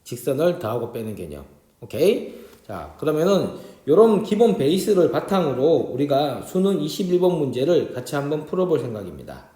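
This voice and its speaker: A man teaching a math exam problem. He draws graphs on a board as he explains and keeps checking in with his students through quick tag questions. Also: a little high, big pitch swings, warm tone, echoey room. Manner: talks while drawing graphs on a board. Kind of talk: exam problem walkthrough lecture.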